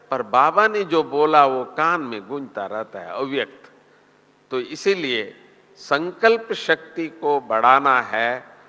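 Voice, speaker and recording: Slow-speaking man preaching in an echoing hall. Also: medium pitch, pushed and bright. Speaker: spiritual teacher. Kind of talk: spiritual discourse. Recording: long reverb of a hall.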